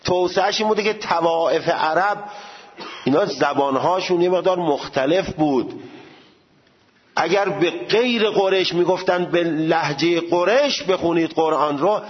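A man giving a seminary lecture, animated and full of rhetorical questions. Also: a little high, long reverb tail, highs cut off. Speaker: religious studies teacher.

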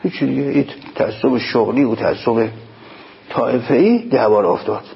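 A man giving a sermon, explaining in plain speech and slowing down to chant quoted lines. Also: medium pitch, lively intonation, gravelly, husky. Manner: slow chanted quotations, emphatic explanations. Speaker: preacher. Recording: dull lo-fi recording.

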